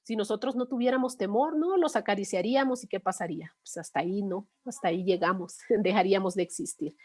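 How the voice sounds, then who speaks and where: A woman's voice: mid-range voice, fast talker, a little mellow. A middle-aged woman, an instructor explaining a topic through everyday examples in a patient, conversational way, often checking in with listeners. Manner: patient, conversational, frequent 'eh' and '¿no?'. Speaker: course instructor.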